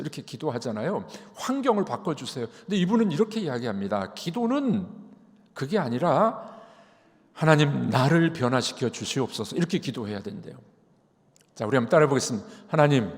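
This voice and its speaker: A man preaches a sermon from a church pulpit, his voice rising and falling widely and sitting slightly high for a man. He moves from quiet asides to loud emphasis and keeps asking the congregation questions. A long reverb from the large sanctuary trails each phrase. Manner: animated preaching, swinging loud and soft, many rhetorical questions. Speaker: senior pastor.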